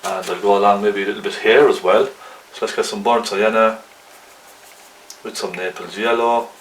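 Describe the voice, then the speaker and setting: Gentle painting teacher guy, kinda chatty, talking from a bit away from the mic in an echoey room. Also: fairly low pitch, fairly even intonation, moderate pace. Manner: gentle, chatty, coaxing, with check-in tag questions. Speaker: painting instructor. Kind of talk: casual hands-on painting tutorial. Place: indoor room, painting at a canvas. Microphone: camcorder at a distance. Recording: roomy, distant camcorder mic, faint noise.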